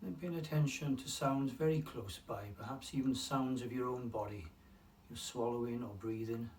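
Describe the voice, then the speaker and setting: Long silences separate the phrases as a man calmly and unhurriedly leads a guided mindfulness session. His voice sits in the mid range, and faint room noise comes through the distant microphone.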